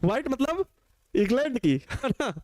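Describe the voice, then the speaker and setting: A man's voice: extremely high pitch, expressive, moderate pace, a little mellow, dry recording. A man teaching physics in a jokey classroom lecture, teasing his students and repeating each question and answer back to them. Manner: playful, teasing, laughs at his own jokes. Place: small teaching studio with a digital board.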